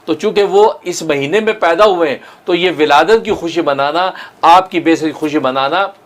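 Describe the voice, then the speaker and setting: A man's voice: fairly high pitch, normal speed. A man preaching as a mufti, arguing point by point in a rhetorical lecture and quoting scripture. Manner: rhetorical, argumentative, quotes scripture. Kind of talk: religious lecture.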